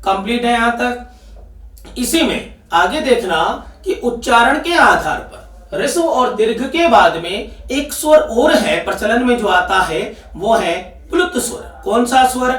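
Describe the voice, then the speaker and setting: Teaching Hindi grammar for exam prep, a man with a Rajasthani accent keeps asking questions and then supplying the answers. His very high, fairly bright voice is lively in intonation but a bit slow, recorded from afar in a room with echo.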